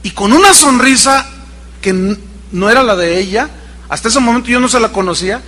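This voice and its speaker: A man preaching a sermon as pastor, telling a story with emphatic pauses and a pace that speeds up and slows down. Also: very high voice, sharp tone, long reverb tail. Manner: storytelling preacher, shifting between quick and slow, emphatic pauses. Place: church sanctuary.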